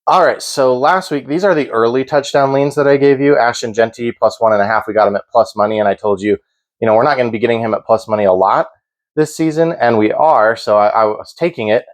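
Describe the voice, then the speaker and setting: A man hosting a sports betting show, giving informal, opinionated commentary in a conversational way. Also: medium pitch.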